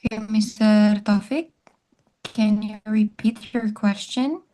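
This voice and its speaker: A woman moderating an online panel, brisk and polite. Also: medium pitch, steady tone, warm tone.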